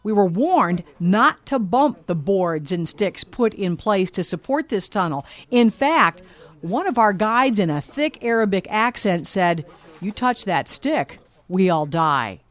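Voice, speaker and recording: A woman reporter giving a scripted documentary narration, measured and vivid. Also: medium pitch, animated.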